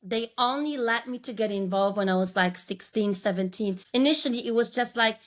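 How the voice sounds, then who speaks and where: A Polish woman in her forties, a branding coach from Poland, appears as a guest on a podcast interview. Her voice sits on the high side and moves briskly as she reflects on her career story, often restarting her sentences.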